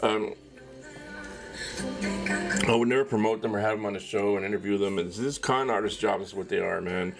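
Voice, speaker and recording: A man's voice: on the low side, fairly even intonation, moderate pace, creaky, pauses often, faint music behind. A man hosting a casual solo sports talk show, rambling and opinionated, with lots of fillers and a habit of ending phrases with "man.". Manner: candid, opinionated commentary. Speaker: podcast host.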